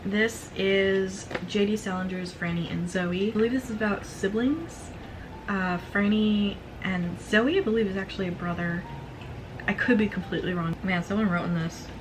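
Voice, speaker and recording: A woman chats casually in a mid-pitched voice with vocal fry and a slightly strained throat. She is excitable and gushing, in the manner of a book vlogger. There is clear background noise behind her. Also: moderate pace. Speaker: book vlogger presenting a thrifted book haul. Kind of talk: casual chatty book haul.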